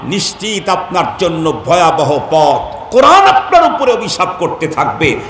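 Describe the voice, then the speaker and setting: A man preaching a fiery sermon, his high voice swinging wildly in pitch as he throws questions at the crowd and breaks into shouts. The sound echoes around him, with a faint noise underneath. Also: sing-song, a little slow. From Bangladesh. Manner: rhetorical questions to the audience, bursts into shouts.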